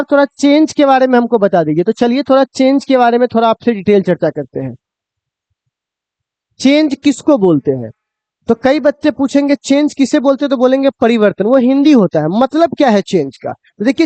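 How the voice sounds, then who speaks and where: A man's voice: extremely high pitch, big pitch swings, normal speed, a little mellow, no room sound. A man teaching physics to students, asking questions and answering them himself. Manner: addresses students fondly, asks and answers his own questions. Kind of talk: classroom lecture to students.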